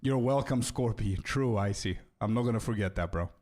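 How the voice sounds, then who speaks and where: Speaking a little fast in a lowish voice, a young streamer chats with viewers mid-game in a relaxed, friendly way. He answers their questions, peppers his talk with "bro," and repeats words while thinking aloud.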